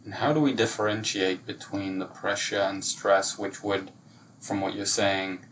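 A man's voice: deep voice, steady tone, measured pace, a bit bright. A man hosting a casual interview, asking probing questions and reflecting on the answers. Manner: reflective, asks probing questions, level delivery. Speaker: podcast host. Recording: distant mic with faint room noise.

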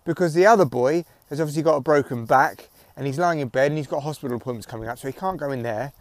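A middle-aged British man with a slightly higher-pitched voice rambles in a casual, wry, sweary way. He records outdoors while walking, using his headphones as a microphone close to his neck, so the sound is dry with no echo. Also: quick pace. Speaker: podcast host and comedian. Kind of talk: casual solo chat, rambling audio diary. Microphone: headphone mic near the neck.

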